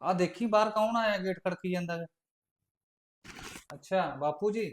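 A man's voice: a little high, fast, slight background noise, close to an everyday voice. A man playing an easygoing husband who talks kindly with his wife and father-in-law. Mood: friendly. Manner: cheerful and accommodating. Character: young husband, easygoing and obliging. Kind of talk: short film acting.

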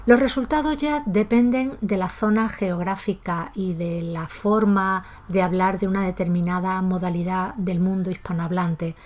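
A woman giving a calm, methodical lesson on pronunciation, saying example words aloud to demonstrate, and softening the S at the ends of syllables in her own speech. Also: on the low side, moderate pace, hardly any pauses. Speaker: language teacher. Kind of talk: explanatory lesson.

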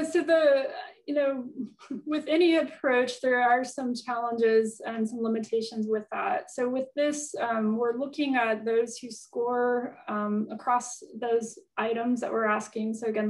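A woman's voice: fairly high pitch, level tone, normal speed, darkish tone, recorded from a distance, poor audio. A woman speaking as a guest expert, answering audience questions in a thoughtful, hedging way with many fillers, over a video call. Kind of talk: conversational Q&A answers.

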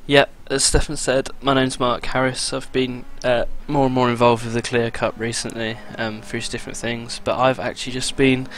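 Bright-voiced young man commentating. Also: mid-range voice, moderate pace, few pauses, a little hiss or hum. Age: 20s. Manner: relaxed, chatty, reads out lap times with fillers. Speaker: sim racing commentator. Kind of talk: casual race commentary.

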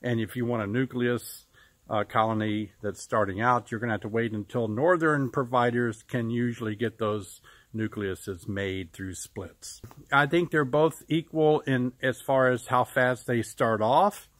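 Standing outside next to a farm building, a middle-aged beekeeping teacher from Illinois, USA, talks casually to a camera held close, explaining at ease with frequent pauses. His voice is mid-range and the recording is dry.

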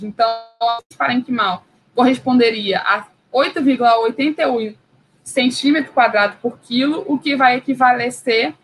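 A woman's voice: on the high side, fairly bright tone, a little hiss or hum, rough recording. A woman from Brazil giving an academic biology lecture, hesitant, with many fillers and restarts.

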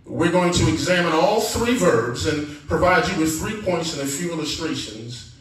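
A man preaching a sermon as guest preacher, animated and calling out to the congregation for responses. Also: fairly high pitch, normal speed. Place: church sanctuary. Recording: echoey church sound from a distance.

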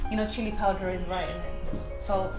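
A woman in her thirties co-presenting a cooking show, chatting and teasing in a quick, lively way. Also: mid-range voice. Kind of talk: casual chat. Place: TV studio kitchen set. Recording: roomy studio sound with music.

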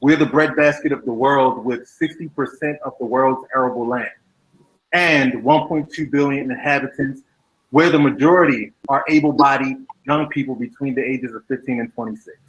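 A man's voice: mid-range voice, normal speed, fairly bright tone, highs cut off, slight background noise. A man moderating an online panel over a video call, reading formal prepared remarks.

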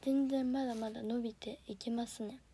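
A teenage girl with a Kansai accent chats politely on a phone-camera livestream, her voice fairly high yet mellow and dark in tone. She talks softly and often drifts into a half-whisper. A faint hiss of noise sits under her voice. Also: fairly even intonation, brisk. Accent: Kansai Japanese. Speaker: audition livestreamer. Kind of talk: casual livestream chat reading viewer comments.

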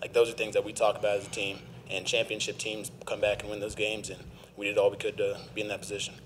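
A young man, a college basketball player, speaking in a composed, measured way at a postgame press conference into a table mic in a press room. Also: on the low side, monotone, a little hiss or hum. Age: young adult. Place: press room in front of a sponsor backdrop.

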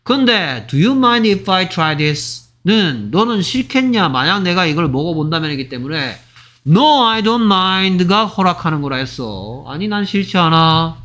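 A man teaching English to middle school students, repeating example phrases slowly and acting out short dialogues. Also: on the high side, big pitch swings, a bit bright. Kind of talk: exam-prep lecture.

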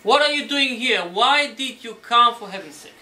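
A man acting out a frantic older father who yells in alarm at his daughter. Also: very high-pitched, lively intonation, moderate pace, voice pushed up, exaggerated voice. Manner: yelling, pleading. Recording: roomy hall, mic at a distance.

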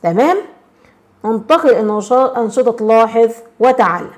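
Egyptian woman teacher, bright higher register, walks students through grammar with constant check-ins. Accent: Egyptian Arabic. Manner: checks in constantly and prompts with questions; slows and stresses words when reading examples. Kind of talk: explaining a grammar lesson.

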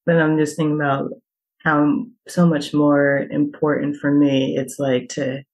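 A woman who works as a coach, a guest on a podcast, speaking in a reflective, halting way with restarts. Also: low voice, flat delivery, darkish tone, poor audio. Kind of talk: casual podcast conversation.

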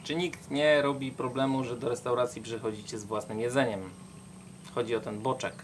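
A man's voice: mid-range voice, flat delivery, fairly quick, noisy background. A young man travel vlogger reading out viewer questions and explaining plainly in casual chat.

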